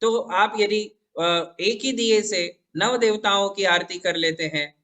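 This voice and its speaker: High, bright-voiced monk explaining patiently. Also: male voice, takes it slowly. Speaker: Jain monk answering questions. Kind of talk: religious question-and-answer teaching.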